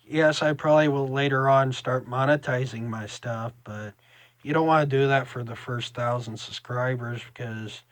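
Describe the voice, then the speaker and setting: A young man with a Southern US drawl, chatting casually to camera in a halting, rambling vlog style. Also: mid-range voice, no room sound. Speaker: vlogger.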